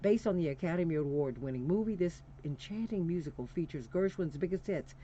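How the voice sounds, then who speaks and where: A woman hosts a radio show and reads a contest promo in a chatty announcer manner. Her voice is mellow and relaxed. The sound is dull, with faint noise behind it. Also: on the low side, brisk.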